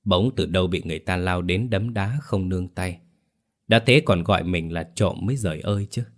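A man's voice: low-pitched, a little fast. A man narrating a horror folk tale in a dramatic, vivid way. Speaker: storyteller.

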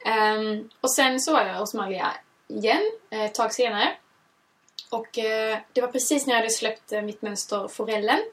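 A woman's voice: fairly high pitch, distant mic. Chatty woman, a little off mic. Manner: chatty storyteller, many fillers. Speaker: podcast co-host. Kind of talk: casual chat.

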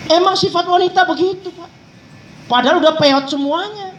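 A man's voice: very high voice, moderate pace, muffled recording. A male preacher giving a folksy, joking sermon in a mosque, teasing listeners directly. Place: mosque hall. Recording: distant mic with faint traffic noise.

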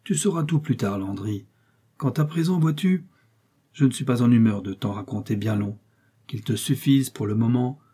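A man's voice: mid-range voice, warm tone, husky, natural voice. A man reading the part of a nobleman in hiding who speaks in a curt, imperious manner. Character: commanding male nobleman in hiding, grim.

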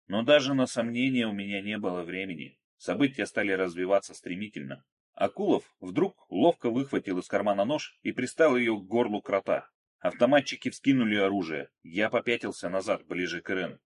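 A man narrating an action story in a steady, measured, dramatic reading. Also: on the low side. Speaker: audiobook narrator.

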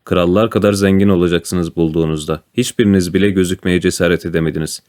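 A vicious blind old pirate beggar barks and curses at his crew, as a male narrator puts him on. The voice sits very low and gravelly-deep, and the fury runs through every storybook line. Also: steady tone, fast, lightly acted. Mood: furious. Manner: shouting, cursing.

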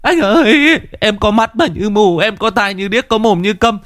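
Shrill wailing captive gambler. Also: male voice, moderate pace, a bit bright, no room sound, clean studio sound. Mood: begging. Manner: wailing, pleading high falsetto. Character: begging young male captive gambler, terrified.

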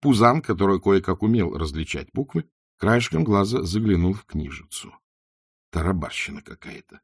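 A man narrating an audiobook with expressive storytelling. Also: lowish voice, moderate pace, slightly rough, no room sound, clean studio sound. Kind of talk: scripted narration.

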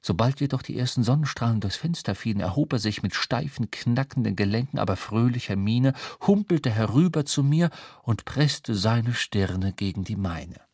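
An actor playing a young sailor who narrates his own story in measured, scripted radio drama narration. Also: mid-range voice, lively intonation, a little mellow, husky, dry recording, studio quality.

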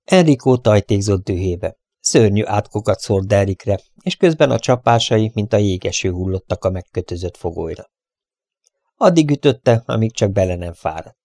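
A man narrating an adventure story in a steady, measured reading voice. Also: on the low side, no room sound, clean studio sound. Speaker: audiobook reader.

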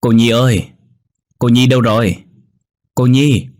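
A man's voice: on the low side, moderate pace, a little mellow, slightly rough. A man voicing a village woman neighbor who calls out urgently. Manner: calling out urgently.

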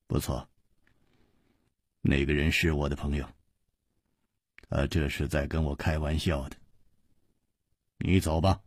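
一位男说书人扮演一位沉着潇洒的侠客，说话轻声、从容不迫。. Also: male voice, a bass voice, slow, long pauses, husky, no room sound, clean studio sound, voice pushed down, full character voice. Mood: calm. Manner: soft, calm, understated. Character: calm suave hero swordsman, composed.

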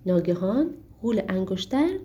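A woman narrating a storybook audiobook in a steady, expressive way. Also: mid-range voice.

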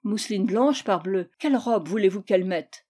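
Lady reading as a gruff doting dad, blustery, mellow dark tone. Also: mid-range voice, moderate pace, close to an everyday voice. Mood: blustering. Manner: blustering, indulgent. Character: doting, gruff aristocratic father.

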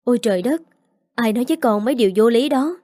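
A woman reading the part of a caring young stepmother, gentle with a child and firm with adults. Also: a little high, quick pace, dry recording, studio quality, lightly acted. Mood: tender.

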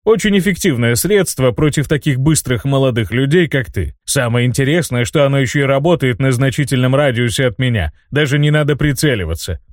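A man's voice: medium pitch, lively intonation, brisk, hardly any pauses, no room sound, clean studio sound, lightly acted. A man reading an audiobook voices a scheming old mage who mocks and threatens in a hissing, self-satisfied way. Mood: smug. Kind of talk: audiobook character voice.

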